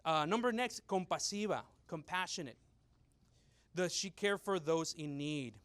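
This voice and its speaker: Animated bilingual young man preaching. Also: fairly high pitch, a little slow, clean tone. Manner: switches between English and Spanish, animated mimicry of loud women. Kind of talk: bilingual church teaching, storytelling.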